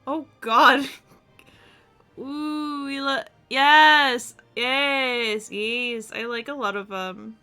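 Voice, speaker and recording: A woman's voice: on the high side, pushed and bright. A woman from the United States chatting casually and profanely on a game stream, laughing often. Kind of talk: casual live-stream chat.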